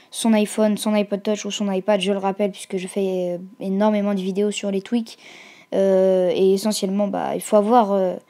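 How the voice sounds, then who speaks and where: A woman hosting her own tech channel, talking through a casual screen-recorded tutorial in a hesitant way, often pausing and correcting herself. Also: medium pitch, mellow. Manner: hesitant, filler-heavy, self-correcting. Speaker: YouTube tech channel host.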